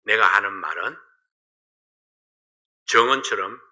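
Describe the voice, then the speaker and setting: A male pastor preaching a sermon, asking the congregation rhetorical questions and swinging between loud emphasis and quiet asides. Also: on the low side, takes it slowly.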